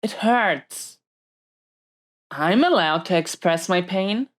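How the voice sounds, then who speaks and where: A woman with a fairly low, expressive voice takes her time as she plays a protective, hot-tempered but tender supervillain locked in prison. In this intimate audio roleplay she addresses an unseen listener defensively and hesitantly, sounding irritated.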